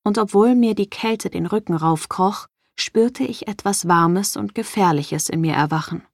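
A woman reading a first-person audiobook in a measured storytelling manner. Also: medium pitch, creaky, no room sound, studio quality. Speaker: audiobook narrator.

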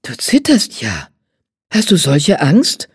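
A woman voicing a kind, calm male riding teacher in an audiobook, speaking low and gently. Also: moderate pace, no room sound, studio quality, close to an everyday voice. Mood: gentle.

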